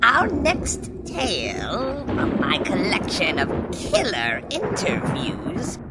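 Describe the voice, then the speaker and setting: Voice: mid-range voice, wildly swooping pitch, heavy background noise, heavily acted. A performer voicing a cackling, gleefully macabre crypt-keeper host in the campy, theatrical style of a vintage horror narrator. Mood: gleefully sinister. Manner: theatrical, drawn-out delivery with cackles.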